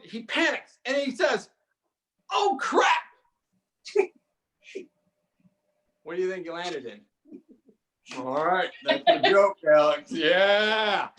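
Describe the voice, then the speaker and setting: Animated voice laughing its way through court jokes. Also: mid-range voice. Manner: animated, laughs heartily, playful storyteller. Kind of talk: live court entertainment banter.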